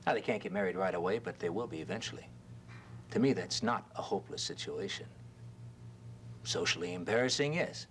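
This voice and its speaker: A man's voice: low-pitched, fairly quick, long pauses, a bit bright, slight background noise. An actor playing a concerned male doctor in a daytime soap, speaking earnestly and reasoning things through. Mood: persuasive. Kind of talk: daytime soap opera acting.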